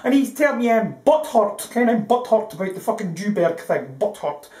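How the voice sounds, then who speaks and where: A Scottish woman rants into the camera, her pitch leaping up and down as she swears her way through the story. She laughs at herself often and drops "ken" and "aye" into nearly every sentence. The room around her rings with echo. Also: sing-song, normal speed, a little mellow. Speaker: vlogger. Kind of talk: profane ranting monologue.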